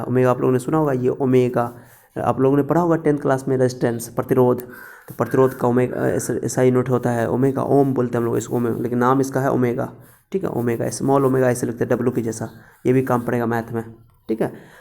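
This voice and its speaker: A man teaches in a relaxed classroom way, going over each point again and again. His voice is gravelly and dark, and he talks straight to his students as he works through the lesson. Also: mid-range voice. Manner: repetitive, instructive, speaks directly to students. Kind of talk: casual classroom lecture.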